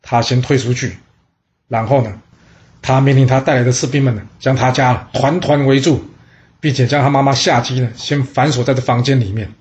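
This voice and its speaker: A man hosting a storytelling podcast, telling history in a chatty, lively way. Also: mid-range voice, a little fast, lo-fi sound, slight background noise. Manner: chatty, lively storyteller voicing characters in dialogue. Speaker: storyteller host.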